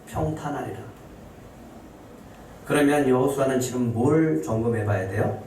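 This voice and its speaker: A male pastor preaching a sermon to his congregation. He asks them questions and answers them himself, and his voice climbs high and emphatic when he voices scripture. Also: moderate pace, a little mellow. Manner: rising to high emphatic pitch when voicing scripture quotes. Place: church sanctuary. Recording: very echoey, distant, faint hiss.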